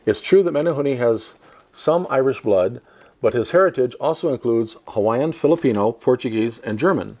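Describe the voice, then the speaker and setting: A male talk show host reads a profile aloud at a middle pitch. He often breaks off into chatty asides and laughs between lines. His voice is plain and even. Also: normal speed.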